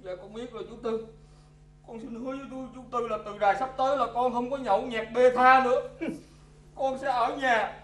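An actor playing a bumbling, pleading drunkard husband in a stage comedy sketch. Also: male voice, very high-pitched, a little fast, echoey room, soft background music. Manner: wailing, pleading, excitable. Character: bumbling drunkard husband, middle-aged man.

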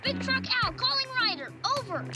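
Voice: very high-pitched, very animated, a little fast, over loud music. Voice actor as a cheery trucker over cb radio. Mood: urgent. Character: male trucker calling on a CB radio. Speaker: trucker calling for help.

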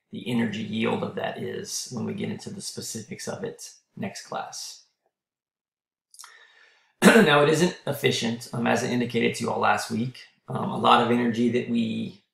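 A man giving a recorded college lecture, clearing his throat often and checking in with "okay?", as he is losing his voice. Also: medium pitch, a bit bright, reverberant.

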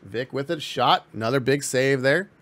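A man giving casual, excitable play-by-play commentary on a hockey video game stream, laughing often. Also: mid-range voice, normal speed, no room sound.

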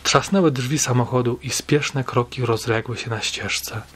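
Husky-voiced man narrating a story. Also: mid-range voice, measured pace, fairly bright tone. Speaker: audiobook narrator.

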